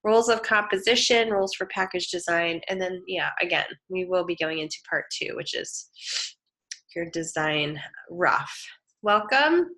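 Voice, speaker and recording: The recording is rough, capturing a woman with a lowish, expressive, fairly bright voice at a moderate pace. She's a design instructor giving a live online lecture with a screen demo while sick with a head cold, nasal and sniffly, chatting casually with fillers and restarts.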